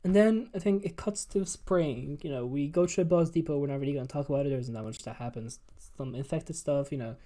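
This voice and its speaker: A man's voice: fairly high pitch, fairly quick, hardly any pauses, warm tone. A man hosting a casual gaming chat, retelling scenes in a rambling, sweary way, full of "like" and "you know". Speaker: podcast host.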